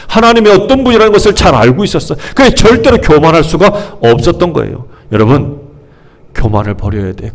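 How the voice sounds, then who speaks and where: A male pastor preaching in a church with a fairly high, very lively voice that rises and falls widely. He asks the congregation questions and answers them himself, and sometimes acts out the grumbling crowd with a sudden jump in pitch. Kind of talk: sermon. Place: church sanctuary.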